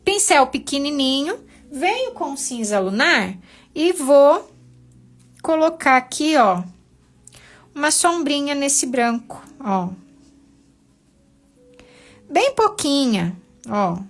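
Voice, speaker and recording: A middle-aged woman leads a live painting lesson from her home studio. She speaks unhurriedly in a high voice, patient and encouraging, guiding students one small step at a time. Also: very animated, slow pace, pauses often. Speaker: painting teacher.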